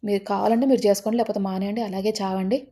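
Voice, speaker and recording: A woman's voice: mid-range voice, fairly even intonation, racing, mellow, slightly rough, natural voice. A woman voicing a spoiled, arrogant young stepdaughter who talks rudely and scolds. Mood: scolding. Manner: scolding, rude.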